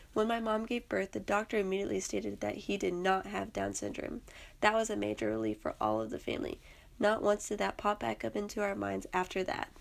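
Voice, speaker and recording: A young woman reads her own personal story aloud in an earnest, plain way. Her voice has a gravelly fry and sits at a middling pitch. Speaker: student narrator.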